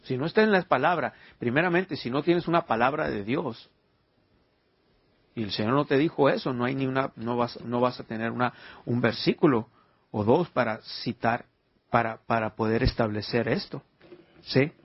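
A man's voice: mid-range voice, moderate pace, slightly rough, no room sound, dull audio. A man preaching an informal sermon, telling personal stories and asking his listeners rhetorical questions. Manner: conversational storytelling with rhetorical questions.

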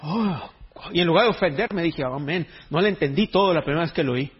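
Husky-voiced preacher, joking and lively. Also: male voice, on the high side, fast, dull audio. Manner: joking, conversational preaching with Mexican slang. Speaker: pastor. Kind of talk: sermon.

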